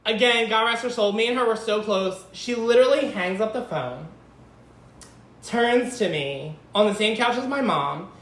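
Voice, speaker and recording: A man from Philadelphia hosting a podcast, telling a story in animated, campy casual chat. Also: high voice, normal speed. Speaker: podcast host. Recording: roomy echo.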